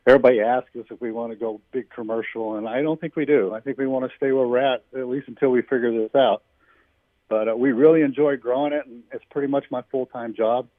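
A man's voice: medium pitch, steady tone, fast talker, no echo. A man from Missouri, an older army veteran, telling his story in a plain conversational way with frequent fillers. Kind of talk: recorded interview clip. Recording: dry tinny phone line.

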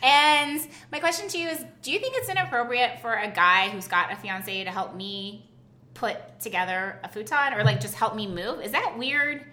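Woman, comedy show co-host; bright, lively, rambling delivery; echoey room. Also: a little high, normal speed. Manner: chatty, peppers speech with "like". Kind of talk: improvised comedy chat.

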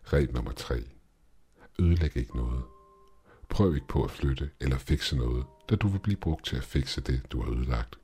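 A man with an extremely deep, low voice telling a first-person horror story. He reads in a calm, measured way, with faint music running under the narration. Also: husky.

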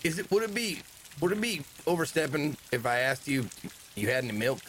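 A man's voice: a little high, very animated, brisk, fairly bright tone, a little hiss or hum. A man playing a tabletop game, joking and complaining in casual banter, swearing freely. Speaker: tabletop player.

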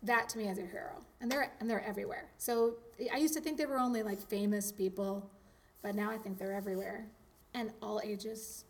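A woman talking casually in an interview, chatty and animated, with lots of likes and ums. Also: medium pitch, fairly quick. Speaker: interviewee, teacher.

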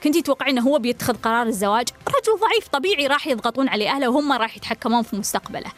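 A woman's voice: high voice, lively intonation, very fast, fairly bright tone. A woman giving relationship advice, blunt and direct, firing repeated pointed questions.

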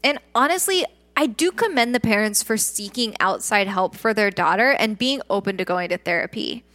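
A woman's voice: medium pitch, animated, moderate pace, fairly bright tone. A woman hosting a true crime podcast, reading scripted narration about criminal cases.

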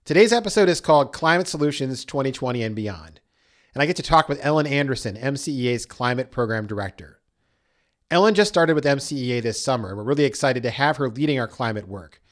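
A man hosting a podcast, reading a scripted introduction in an even, announcer-like way. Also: mid-range voice, fast talker. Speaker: podcast host.

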